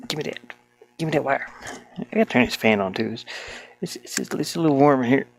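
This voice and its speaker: Indoors in a small, warm room with a fan running, a solo game developer narrates their work, muttering to themselves in a creaky, mid-range voice. The talk is brisk, unscripted and mildly grumbly, full of colloquial "ain't" and double negatives.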